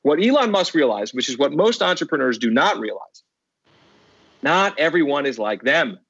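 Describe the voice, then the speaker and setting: Guy on a podcast getting worked up telling a story, kinda high voice, dry muffled sound. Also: sing-song, moderate pace, fairly bright tone, husky, no room sound. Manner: emphatic, repeats words for effect. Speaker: podcast guest. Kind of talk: animated storytelling.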